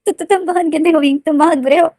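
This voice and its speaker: A woman voicing a timid young man who complains and pleads in a childlike, shrill way. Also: fairly even intonation, quick pace, darkish tone, dry recording, studio quality. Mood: whiny.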